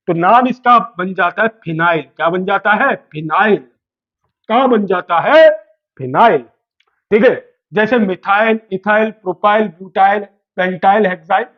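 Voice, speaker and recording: A man with a high voice teaches a class from the board, playfully asking his students questions and answering them himself. The recording sounds thin and tinny, as if heard over a phone line. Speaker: chemistry teacher.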